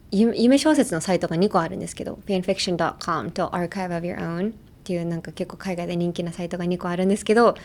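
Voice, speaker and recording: A woman's voice: mid-range voice, darkish tone. Young woman, host, pronunciation coach, playful, bilingual, casual lesson. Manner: playful, demonstrates sounds with repeated syllables.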